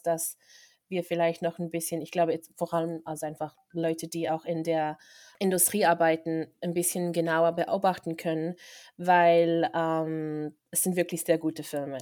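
A woman's voice: lowish voice, darkish tone. A young woman, a film director chatting as a guest on a podcast, thoughtful and hesitant with many fillers. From Switzerland. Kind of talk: casual interview chat.

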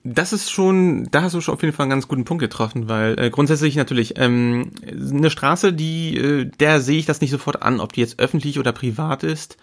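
A man co-hosting a casual podcast chat, explaining slowly with many fillers and restarts. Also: medium pitch. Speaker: podcast co-host.

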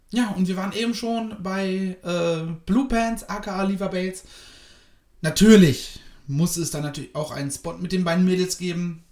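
A man talks through a wrestling event in a loose, rambling way, stopping often for filler sounds. His delivery is slow and unhurried. His voice echoes around the room he records in. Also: a little high, darkish tone. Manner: hesitant, many fillers, rambling. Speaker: wrestling reviewer. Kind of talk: casual spoken review.

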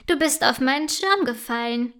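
A woman's voice: high voice, expressive, normal speed, a bit bright. A woman voicing a lonely male talking mushroom who speaks sternly and then kindly. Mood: plain. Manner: stern at first, then friendly and laughing.

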